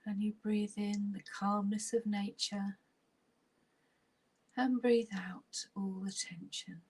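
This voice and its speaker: This woman guides a relaxation meditation in a near-whisper, her husky voice soft and breathy. Her pitch sits in the middle and her tone stays level as she moves slowly and calmly, with long pauses between phrases.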